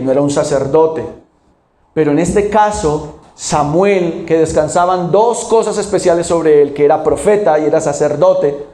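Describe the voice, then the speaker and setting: Male pastor, high voice, call-and-response preaching, roomy church sound. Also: warm tone. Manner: asks the congregation questions and answers them himself. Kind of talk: sermon.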